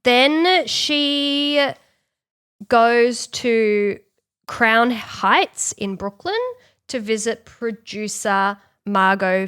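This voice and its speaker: A woman co-hosting a podcast, retelling a story in casual chat and acting out quick quotes. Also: mid-range voice, clear, resonant tone, dry recording, studio quality. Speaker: podcast co-host.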